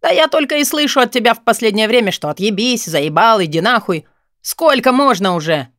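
A man voicing a pushy, crude, excitable young man in an audiobook, raising his voice and pitch to badger a friend. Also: normal speed, no echo, clean studio sound. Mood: exasperated. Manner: eager, crude, insistent.

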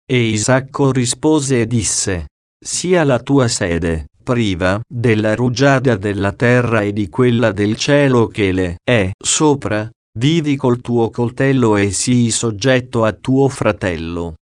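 A man narrates an ancient religious text at an unhurried, deliberate pace. His voice sits at a mid pitch and stays solemn and measured throughout. The recording is dry and close, with no room sound. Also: no room sound. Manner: slow, solemn, measured delivery. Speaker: audiobook reader. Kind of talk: scripted scripture reading.

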